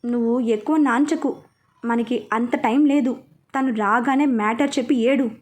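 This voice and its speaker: A woman's voice: a little high, normal speed, natural voice. A woman voicing a bossy, scheming older man who scolds. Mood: scolding.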